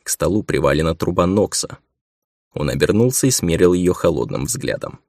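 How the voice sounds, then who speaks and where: Deep gravelly man narrating. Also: animated, normal speed, a little mellow, no echo, clean studio sound. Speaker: audiobook narrator. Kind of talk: scripted narration.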